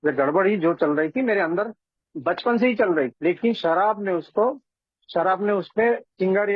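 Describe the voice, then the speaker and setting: A man's voice: a little high, breathy edge, no echo. A man sharing his recovery story at a support meeting, talking earnestly and conversationally and often calling the listeners friends. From India. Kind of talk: personal recovery testimony. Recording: tinny phone-line audio.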